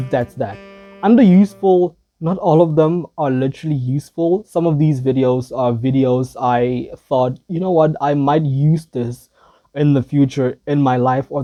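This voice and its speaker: A man's voice: mid-range voice, warm tone. A man making casual reaction commentary for his video channel, rambling and hesitant, with a self-deprecating, wandering way of talking. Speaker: video creator.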